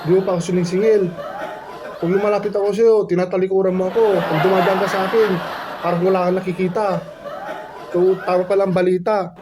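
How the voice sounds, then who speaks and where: A man's voice: sits high, little pitch movement, a little fast. A man performing a comic sketch, bickering in an exasperated, mocking way. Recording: loud crowd and noise behind. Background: loud crowd laughter.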